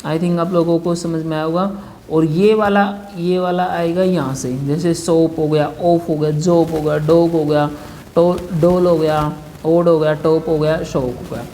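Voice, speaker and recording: A man's voice: fairly high pitch, level tone, measured pace, mellow, a little hiss or hum. A man teaching a shorthand lesson, patiently walking through examples step by step and repeating himself. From India. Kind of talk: classroom lesson.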